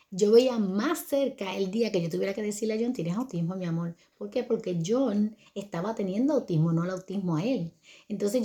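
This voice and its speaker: Her voice is mellow and medium in pitch as this older woman shares a story with viewers about bringing up her son. The delivery is chatty, with regular check-ins aimed at the audience.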